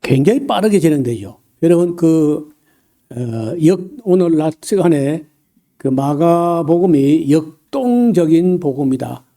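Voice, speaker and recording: Dark-voiced pastor preaching a sermon. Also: male voice, fairly high pitch, animated. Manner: halting delivery with many fillers and frequent throat-clearing; folksy, humorous asides.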